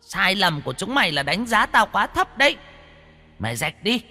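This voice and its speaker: Man doing high, shrill, mocking ghost child; spiteful horror-story villain. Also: sing-song, moderate pace, bright, forceful tone, long reverb tail, full character voice. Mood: gloating. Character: vengeful ghost of a little girl, spiteful.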